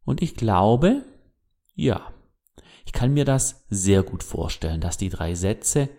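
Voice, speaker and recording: A man giving a reflective motivational monologue as a self-help speaker, who speaks to the listener directly with gentle questions. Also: on the low side, big pitch swings, slow.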